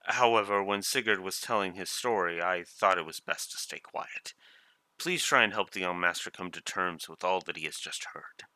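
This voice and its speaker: A man reading the lines of a loyal older male butler in a polite, soft-spoken way. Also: low voice, moderate pace, no echo. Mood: gentle.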